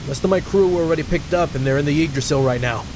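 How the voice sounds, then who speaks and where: Steady young pilot girl, plain matter-of-fact reading, by a man in his own voice; game music under. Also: a little high, rapid-fire, noisy background, close to an everyday voice.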